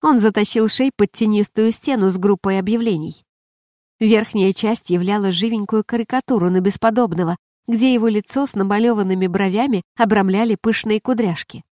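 A woman narrating an audiobook in an even, measured reading voice. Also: medium pitch, no echo, clean studio sound. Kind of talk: scripted narration.

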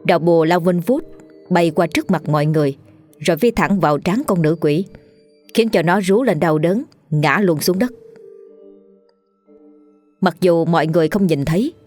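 A woman narrating a ghost story in a lively, dramatic way. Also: lowish voice.

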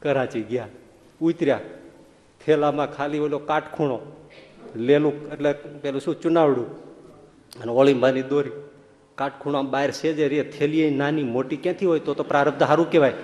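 A male monk, telling a sermon story in a lively, colloquial style with acted dialogue. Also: a little high, moderate pace. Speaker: monk and preacher. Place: temple school hall. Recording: long hall reverb.

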